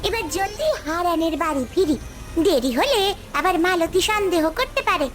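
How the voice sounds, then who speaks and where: Casting: greedy cartoon she-ghost, sneaky, piercingly high little voice, music behind. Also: animated, moderate pace. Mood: sated, drowsy. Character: hungry, sneaky female ghost who eats raw ducks. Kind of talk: Bengali animated ghost story. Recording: music under the voice.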